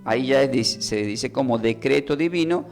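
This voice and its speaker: Guy giving a radio bible class, asks then answers himself, some soft music behind. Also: medium pitch. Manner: teacherly, asks and answers own questions; repeats words slowly when explaining. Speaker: preacher.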